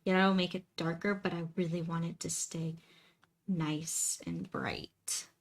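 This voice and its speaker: Slow-paced woman chatting casually on a livestream. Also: fairly low pitch, steady tone, gravelly. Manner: greets viewers by name, informal. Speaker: live stream host, painter. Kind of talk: casual livestream chat while painting.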